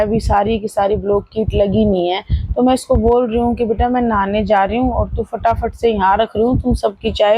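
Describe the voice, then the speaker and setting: A woman's voice: fairly high pitch, dark tone, breathy edge, no echo, dull audio. A woman in her thirties chatting through her household chores as a family vlogger, describing each step as she goes. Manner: chatty, running commentary on chores. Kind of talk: casual daily-life vlog narration.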